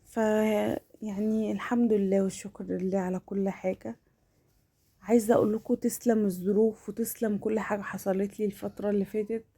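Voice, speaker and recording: Female home vlogger, Egyptian Arabic accent. Soft-edged, mellow tone, chatty and familiar, often restarting phrases mid-thought. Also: medium pitch, level tone, a little fast, breathy edge. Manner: hesitant, repeating and restarting words; familiar, addresses viewers as family. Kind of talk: casual chatty voice-over of household routine.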